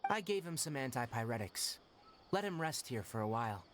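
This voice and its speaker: A man voicing a brisk young forest ranger in a video game, dry and gently scolding. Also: mid-range voice, big pitch swings, noisy background, lightly acted. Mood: calm. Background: game music.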